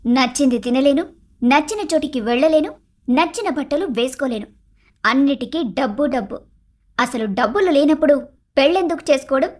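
A high, piercing voice of a young cartoon wife, acted by a woman, forever discontented and demanding. She whines, taunts and shouts her complaints, scornful and self-pitying. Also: normal speed, close to an everyday voice. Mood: complaining. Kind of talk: animated cartoon story voice acting.

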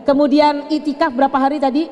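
A woman's voice: sits high, little pitch movement, fast, dark tone. An older woman preaching to a women's gathering at a mosque, chatty and playful, teasing her listeners. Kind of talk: sermon. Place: mosque hall. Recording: long hall reverb.

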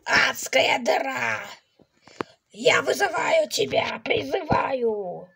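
A woman voicing a crazed, gloating male mad scientist professor in an amateur toy animation, speaking haltingly. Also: a little high, a bit bright. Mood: menacing. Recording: noisy home recording with clicks.

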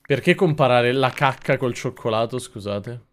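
A young man commenting on a video game as a streamer, swearing a lot, mocking himself and bursting into loud yells. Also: mid-range voice, moderate pace, a little hiss or hum. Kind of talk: gaming commentary.

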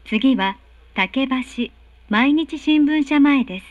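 In a high, courteous voice, a woman reads recorded train announcements with formal, carefully enunciated phrasing, animated yet slow. Played over a subway car speaker, the recording sounds dry and slightly muffled, with no room sound.

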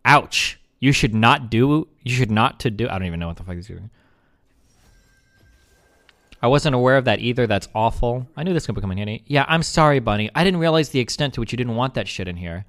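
A man's voice: medium pitch, lively intonation, fast talker, few pauses, fairly bright tone. A man streaming live, arguing heatedly, defensive and exasperated, with frequent swearing.

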